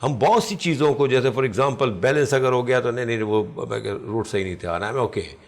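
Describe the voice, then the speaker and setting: A man with a Pakistani accent hosting a TV health talk show, chatting casually and earnestly advising viewers, mixing in English phrases. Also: medium pitch. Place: TV studio.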